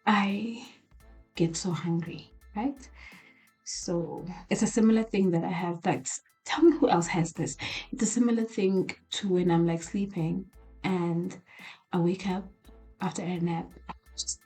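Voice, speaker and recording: A woman's voice: on the low side, fairly even intonation, a little slow, breathy edge, soft background music. A woman whispering a candid late-night diary vlog in a small apartment, rambling with many restarts. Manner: hushed whispering. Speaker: video diarist.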